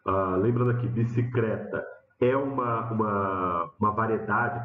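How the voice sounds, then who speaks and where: A man with a São Paulo Portuguese accent teaching a lesson, lively and questioning, acting out students' voices. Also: slight background noise. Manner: animated, acts out students' questions with rising pitch. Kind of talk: lecture to students. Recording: dull, roomy classroom sound.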